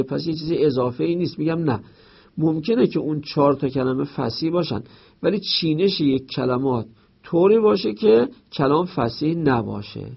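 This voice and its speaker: A man with a gravelly, slightly husky voice teaches a lesson on rhetoric. He explains each point with everyday examples and reads out Arabic lines from the textbook. The recording sounds somewhat dull and muffled. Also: medium pitch.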